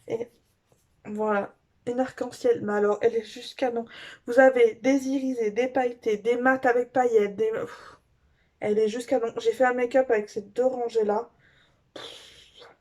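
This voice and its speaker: A woman beauty vlogger chatting casually through a makeup haul review, gushing and filling pauses with little fillers. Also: on the high side, darkish tone.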